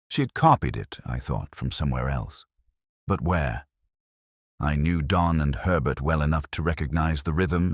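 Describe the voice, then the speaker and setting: A man plays a brooding, melancholy English police detective with an extremely deep voice, narrating his case in the first person like an audio crime drama. He's measured, reflective and somber, with melodic rises and falls, in a full character voice. The sound is dry and close, with no room sound.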